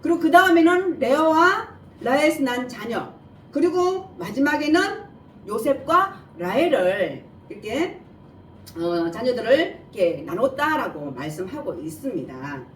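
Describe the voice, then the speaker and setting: Her voice is high, a little slow, and full of big pitch swings as she delivers a verse-by-verse sermon. This preacher speaks a regional Korean dialect with slightly imprecise, lisping articulation, posing rhetorical questions to the congregation and answering them. The sound is echoey and distant, with faint background noise.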